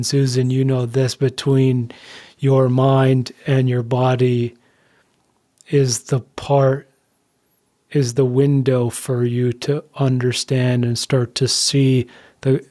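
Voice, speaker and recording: A man co-hosting a podcast, talking in an earnest, slow and deliberate way. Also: medium pitch, dark tone. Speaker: podcast co-host. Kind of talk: reflective podcast talk.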